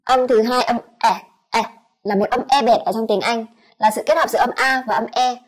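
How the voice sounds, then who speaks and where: Woman teacher, Vietnamese accent, somewhat high voice, spells out sounds one by one in a clear lesson. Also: steady tone. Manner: demonstrates sounds slowly, repeating each one. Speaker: English pronunciation teacher. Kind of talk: explanatory lesson.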